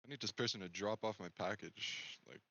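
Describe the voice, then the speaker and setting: A man's voice: lowish voice, a little fast, creaky, bright, forceful tone, no echo, muffled recording. A man hosting a live trading stream in laid-back, casual chat, laughing often and filling his talk with "like" and "man". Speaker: stream host.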